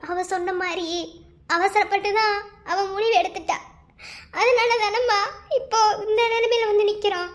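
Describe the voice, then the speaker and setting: A woman voicing a grieving young husband who speaks low, subdued and resigned in a cartoon drama. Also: steady tone, normal speed, pauses often. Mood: hurt.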